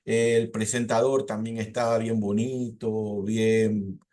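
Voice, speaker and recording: A man teaching a seminary preaching class, explaining points in a relaxed lecture with fillers and rhetorical questions. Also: lowish voice, slow. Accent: Latin American Spanish.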